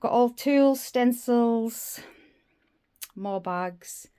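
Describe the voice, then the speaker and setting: Her voice sits on the high side, dark yet clear and resonant, with drawn-out words. This crafting vlogger casually shows off her small indoor craft room, slightly out of breath, rambling and naming her supplies one after another.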